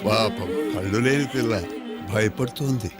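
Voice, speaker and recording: An actor playing a gentle, fatherly man who soothes and coaxes a frightened girl, in dubbed film dialogue. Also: fairly low pitch, a little slow, over loud music, lightly acted. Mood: soothing. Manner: soothing, coaxing, lilting. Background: loud film score.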